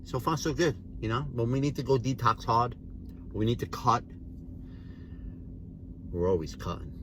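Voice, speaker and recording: A young man chats loosely to his camera, full of slang and easygoing asides. His voice sits at an ordinary middle pitch. A faint hum of background noise runs under the recording. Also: lively intonation, normal speed. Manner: laid-back, slangy, rambling. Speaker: vlogger. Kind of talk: casual rambling vlog chat.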